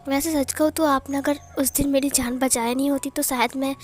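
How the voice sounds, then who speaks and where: A woman's voice: sits high, fairly even intonation, brisk, faint music behind, natural voice. A woman voicing a polite, eager young princess who talks sweetly in a storybook retelling.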